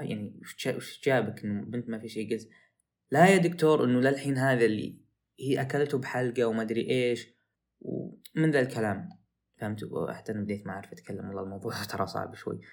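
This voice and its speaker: Fast-talking man telling a story. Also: fairly low pitch. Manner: animated, excitable retelling with rising outbursts. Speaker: podcast host. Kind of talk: casual storytelling.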